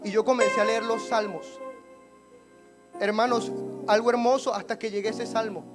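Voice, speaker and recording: A high-voiced man preaches with fervor, dropping to a hush and then climbing to loud, ringing lines. Guitar music plays clearly beneath him. It sounds like a church service. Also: fairly even intonation, moderate pace. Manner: fervent, swinging between hushed and loud. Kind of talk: sermon with prayer. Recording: guitar playing under the voice.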